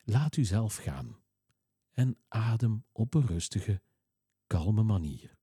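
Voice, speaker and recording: A man reading a guided relaxation exercise in a slow, soothing, calm way. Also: on the low side, breathy edge, dry recording, studio quality.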